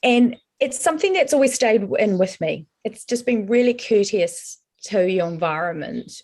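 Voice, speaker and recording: A middle-aged woman with a broad New Zealand accent, telling her story conversationally in an earnest, halting, emphatic way. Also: medium pitch, expressive, a little mellow. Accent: broad New Zealand (Kiwi). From born in Colombia, raised in New Zealand from age seven. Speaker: podcast guest, advertising professional.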